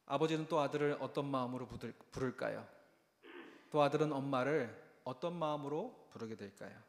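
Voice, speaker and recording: A male pastor preaches with emphasis and addresses the congregation directly. His mid-pitched voice fills a church sanctuary, and a long hall reverb trails every phrase. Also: fairly quick. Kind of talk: sermon.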